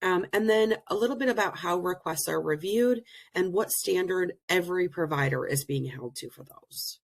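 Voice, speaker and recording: Still hoarse from being sick, this program director presents an online learning session by video call in a lowish voice. Her explanations are earnest and broken up by frequent pauses.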